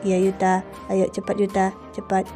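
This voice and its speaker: A woman voicing a timid, frightened companion in a game roleplay, urging in a hushed voice. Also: medium pitch, monotone, moderate pace, soft background music, pitched below the performer's own voice, lightly acted. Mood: hushed nervous.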